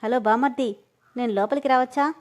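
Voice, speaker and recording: A woman voicing a playful young brother-in-law who jokes, speaking a little lower and quicker. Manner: playful, joking.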